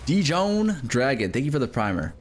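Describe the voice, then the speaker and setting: Lively joking male game streamer. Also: mid-range voice, moderate pace, a little hiss or hum. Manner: profane, joking, reads chat messages aloud. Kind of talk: casual live-stream chat.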